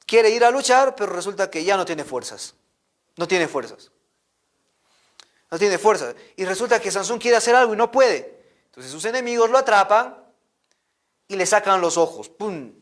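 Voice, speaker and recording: A man with a Peruvian accent telling a Bible story to children as a catechist, animated and repetitive, often checking in with "¿no?". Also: high voice. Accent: Peruvian Spanish.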